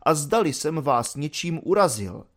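A man doing a sardonic, educated young volunteer who mocks his superior with long, ironic speeches. His tone is soothing on the surface, and he speaks fairly quietly in the narrator's own voice. He is a figure from a storybook reading. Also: on the high side, sing-song. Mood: mocking. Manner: mock-soothing, wordy, ironic lecturing.

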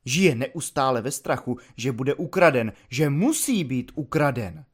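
A man narrating an audiobook in a lively, expressive reading. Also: medium pitch, husky.

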